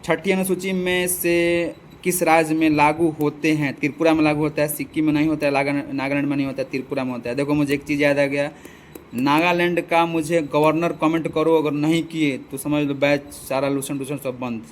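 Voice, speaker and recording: Male exam tutor, slightly high voice, casual repetitive lecturing outdoors, faint noise. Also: steady tone, fairly quick. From Bihar. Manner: chatty, repeats lists, addresses viewers as bhai. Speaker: exam coaching teacher. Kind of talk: casual spoken lesson with rhetorical questions. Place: farm field outdoors.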